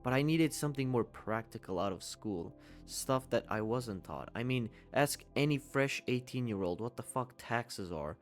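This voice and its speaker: A man's voice: mid-range voice, lively intonation, moderate pace, hardly any pauses, soft background music. A man in his twenties giving a candid, conversational commentary voice-over and swearing casually. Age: 20s. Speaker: YouTube commentator.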